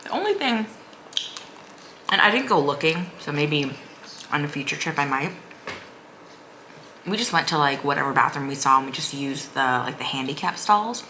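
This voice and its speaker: A woman's voice: deep voice, expressive, moderate pace, long pauses, bright, forceful tone, a little hiss or hum, low-quality recording. A woman vlogger giving a casual, chatty recap in a rambling, informal way full of "like". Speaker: vlogger, mother of a young child.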